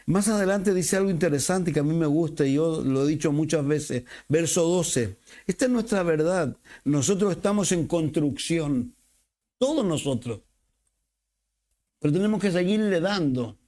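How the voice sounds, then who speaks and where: A male pastor, preaching a sermon with expressive swings and acted-out quotes. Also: a little high, moderate pace. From Chile.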